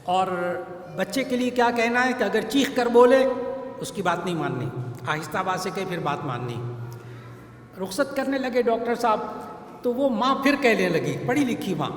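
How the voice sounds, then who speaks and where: A man's voice: high-pitched, lively intonation. A man preaching a sermon and telling a story in an earnest way, repeating his key phrases for emphasis. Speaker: Islamic scholar and preacher. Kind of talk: sermon with an anecdote. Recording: echoey hall with faint background noise.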